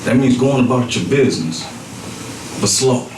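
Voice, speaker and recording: Animated stand-up comedian, roomy and distant. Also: male voice, mid-range voice, normal speed. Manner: animated, shouting in bursts, profane. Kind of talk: stand-up storytelling. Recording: echoey room, far from mic, noisy.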